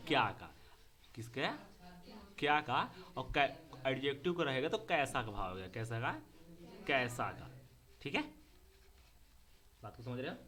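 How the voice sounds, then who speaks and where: A man's voice: mid-range voice, pushed and bright. A man teaching a grammar lesson to a class. He speaks, repeats key words and keeps asking whether the students understand.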